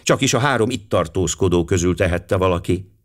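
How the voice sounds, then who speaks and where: A man reading an audiobook voices a blunt, hearty male police inspector who speaks with brisk authority. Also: deep voice, close to an everyday voice. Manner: hearty, commanding, quick to conclude.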